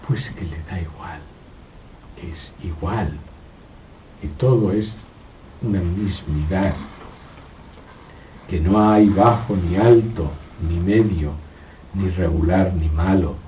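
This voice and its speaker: A man giving a slow, reflective philosophical talk, halting and repeating his words, with frequent rhetorical questions. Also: far from the mic. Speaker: spiritual speaker giving a talk. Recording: old lo-fi tape, phone-like, noisy with rumble.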